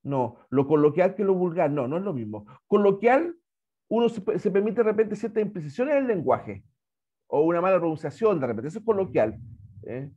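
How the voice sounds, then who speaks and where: A man's voice: high-pitched, animated, normal speed, dark tone, muffled recording. A Chilean man teaching an online language class, chatty and repetitive, often checking in with "¿ya?". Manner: chatty, repeats words, asks "¿ya?" often.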